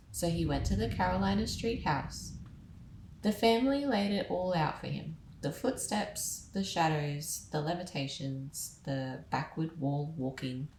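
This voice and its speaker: A woman with a low, mellow voice delivers scripted true-crime narration, dramatic in tone and broken up by casual asides to the listener. Her voice carries a roomy echo. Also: slight background noise. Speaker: podcast host.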